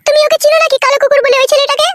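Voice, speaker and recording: A man voicing a timid young village girl in a cartoon, speaking softly and nervously. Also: extremely high pitch, little pitch movement, racing. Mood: worried. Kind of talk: cartoon voice acting.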